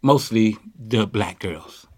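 A man from Chicago, USA, in his fifties, takes his time as he boasts in street slang during a candid interview on a city street. His voice is fairly low, picked up by a handheld mic with no room sound.

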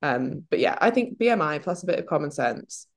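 A British woman hosting a casual fitness Q&A podcast, talking in a chatty, animated way and often interrupting herself. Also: deep voice, fairly quick, creaky, no echo, studio quality. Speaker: podcast host. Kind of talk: casual Q&A chat.

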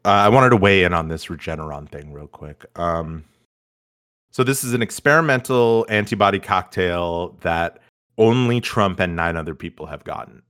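A man's voice: sits low, animated, fairly bright tone, smooth, no echo, studio quality. A man hosting a podcast, reacting to clips with mocking, incredulous commentary. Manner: incredulous, mocking, quick asides. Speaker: podcast host. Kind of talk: sarcastic commentary.

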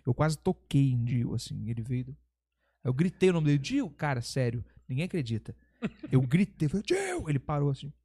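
A man's voice: medium pitch, fairly quick, no room sound, studio quality. A man with a Brazilian Portuguese accent, a metal singer as a podcast guest, telling stories animatedly, swearing often and acting out what people said. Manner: animated storyteller who swears and acts out quoted lines. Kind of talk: casual podcast chat.

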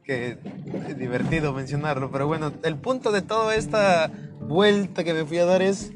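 A man's voice: on the high side, steady tone, normal speed. A young Mexican man with a Mexican accent chatting casually as a podcast host, rambling and slangy, with lots of fillers. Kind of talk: casual chat. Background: guitar music.

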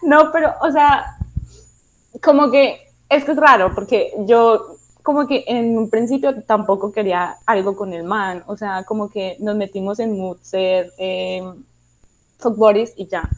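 A woman's voice: mid-range voice, unhurried, rough recording. Frank young Colombian woman chatting. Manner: frank, blunt opinions with slang. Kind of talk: casual chat.

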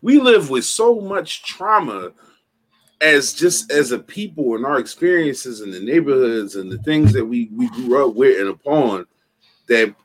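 A man's voice: medium pitch, lively intonation, unhurried. A man hosting a casual podcast chat, speaking earnestly and affirming the others.

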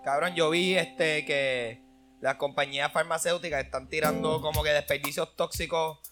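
A man's voice: on the high side, steady tone, normal speed, a bit bright, faint music behind. A man with a Puerto Rican Spanish accent, co-hosting a casual stream chat with slangy, laid-back banter.

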